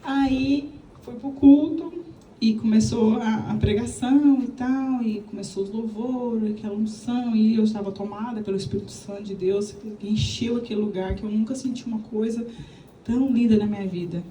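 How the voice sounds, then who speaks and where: A woman's voice: a little high, normal speed, a little hiss or hum. Echoey, distant woman with a Minas Gerais accent. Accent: Minas Gerais Brazilian Portuguese. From Minas Gerais, Brazil. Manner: animated storytelling, acting out dialogue, chatty asides. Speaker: speaker giving a church testimony. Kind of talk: personal testimony to a live audience.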